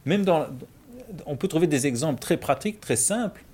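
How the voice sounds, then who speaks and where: A man from Belgium with a Belgian French accent, explaining Bible principles in a measured, conversational way with everyday examples. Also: on the high side, animated, darkish tone, husky. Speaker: Bible discussion speaker.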